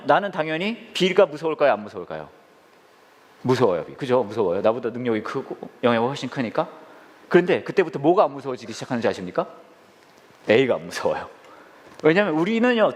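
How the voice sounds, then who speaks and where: Pastor, male, fast-talking with a lively, swinging pitch, teaching Bible study, echoing hall. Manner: animated, asks the audience questions and answers them; acts out quoted lines in changed voices.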